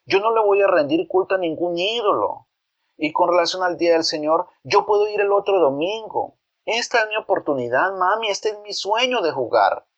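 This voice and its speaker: An eager young boy in a storybook tale, begging and insisting in a voice pushed well above the teller's own, as a man puts him on. The boy sounds bright and urgent, and the recording is dull and lo-fi. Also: high voice, lively intonation, normal speed, pitched above the performer's own voice. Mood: pleading. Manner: begging, insistent, repeating "mami". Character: pleading young boy, eager football player.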